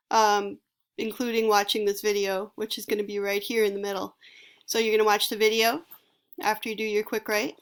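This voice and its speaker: A young woman teacher at home giving a casual, rambling lesson to her students. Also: fairly high pitch. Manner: chatty, rambling, friendly.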